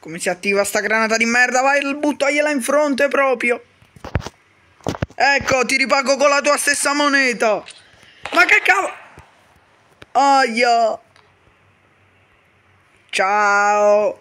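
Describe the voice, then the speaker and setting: A man voicing several characters in a comedic game role-play, bickering quickly with frequent swearing and shouty outbursts. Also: very high voice, slight background noise. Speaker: YouTuber voicing all characters.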